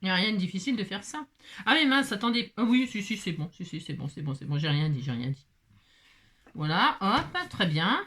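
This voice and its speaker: A woman's voice: mid-range voice, lively intonation, fairly quick, fairly bright tone. A woman hosting a casual crafting tutorial, chatty and jokey, talking to her viewers and her pet as she works. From France. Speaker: craft video host.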